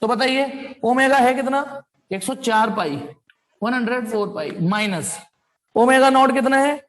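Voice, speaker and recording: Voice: mid-range voice, a little slow. A physics teacher giving an informal lecture, talking students through sums step by step and mixing in English technical terms. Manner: chatty, works sums aloud, calls students "beta".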